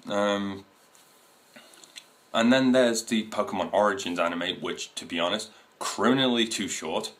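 Casting: twenties male vlogger, low voice, loose, meandering chat to camera. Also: unhurried, a bit bright. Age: 20s. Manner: rambling, many fillers and restarts. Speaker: video host. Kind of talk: casual to-camera talk. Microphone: camera mic.

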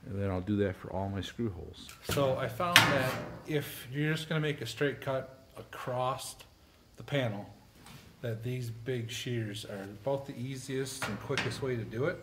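The recording is very noisy as a middle-aged man speaks at normal speed with a medium pitch. He is a homestead video host in a pole barn workshop, giving a plain, casual how-to on putting up steel siding step by step, with small restarts along the way.

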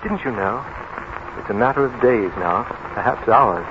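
Grave family doctor played by a radio actor, muffled. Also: male voice, medium pitch, expressive, normal speed, close to an everyday voice. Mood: grave concern. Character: grave, concerned family doctor, an old friend. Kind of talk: 1930s radio drama acting. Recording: muffled, noisy 1930s radio recording.

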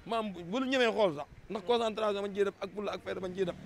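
A Senegalese football fan with a high, gravelly voice races through an impassioned opinion during a street interview, repeating himself often for emphasis. He speaks into a handheld mic on a busy city street, with traffic and street ambience all around.

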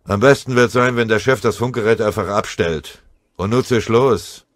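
A man voicing an irritated, gruff army sergeant who barks his orders and curses his superiors. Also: on the low side, moderate pace, no echo, clean studio sound, voice pushed up, close to an everyday voice. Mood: angry. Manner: barking, irritated. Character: angry gruff male sergeant in the field.

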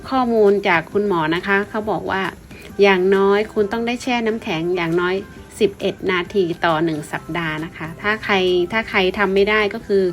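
A woman from Thailand speaks in a medium-pitched voice with music behind her. She explains things informally in a polite vlog style, now and then repeating a word. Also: a little fast. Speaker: vlogger.

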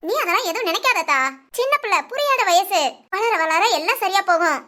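A kindly older village woman in a spoken storybook, as a woman storyteller puts her on. She soothes and gently scolds in a very high, bright voice. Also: expressive, brisk, exaggerated voice. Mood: soothing.

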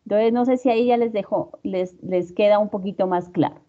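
A woman's voice: medium pitch, brisk. A woman instructor giving an online class lecture, patiently checking in with her students. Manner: patient, checks in with frequent questions. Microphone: video call. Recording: dull lo-fi video call audio.

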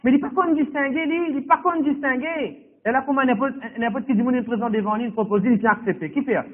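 Male pastor, emphatic call-and-response sermon, high voice, tinny echoey hall sound. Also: fast.

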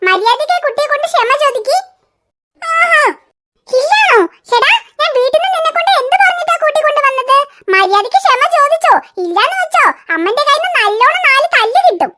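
A woman voicing a cartoon mother who scolds her son quickly and threatens him. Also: very high-pitched, expressive, very noisy. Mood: scolding. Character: scolding young mother, sharp-tongued. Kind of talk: cartoon voice acting.

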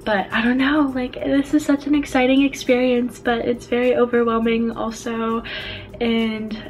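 In her small college dorm, a young adult vlogger chats bubbly into a handheld camera held at arm's length, her talk full of "like" fillers. Her voice sits on the high side with flat delivery at a moderate pace, over soft background music.

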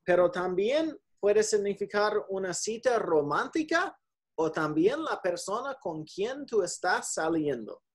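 A man teaching English in a lesson, patient, explaining slowly and repeating phrases for the class. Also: sits high, very animated, husky. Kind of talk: bilingual language lesson.

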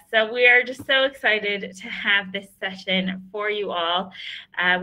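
This is a woman hosting a live online webinar with a bright, forceful tone. She speaks in a friendly way, with plenty of fillers. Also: medium pitch, rough recording. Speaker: webinar host.

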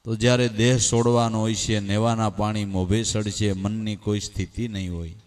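A man's voice: lowish voice, little pitch movement, moderate pace. A man giving a devotional discourse at a night gathering, telling the story in a dramatic, rising and falling voice, singing verses in between and asking rhetorical questions. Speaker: devotional storyteller and bhajan singer. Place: night gathering, live event.

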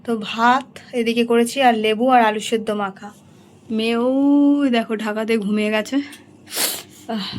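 A woman chatting to her viewers in a rambling home vlog, her voice hoarse from a cold. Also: on the high side, slight background noise. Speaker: home vlogger.

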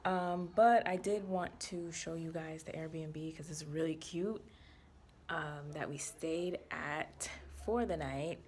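Young woman, lowish voice, relaxed chatty vlogger on an arm's-length phone, with faint background hum. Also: slow pace. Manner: chatty, relaxed, laughs easily. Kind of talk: casual vlog to camera. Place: parked car, then indoors at a rental home. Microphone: phone held at arm's length.

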